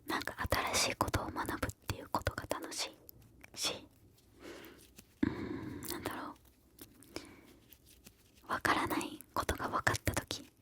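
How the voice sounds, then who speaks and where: A woman speaks entirely in a soft ASMR whisper, close to the ear. The whisper is breathy and crisp with a bright edge. She sounds gentle and encouraging as she answers listener questions. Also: unhurried, long pauses. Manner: encouraging, gentle advice-giving.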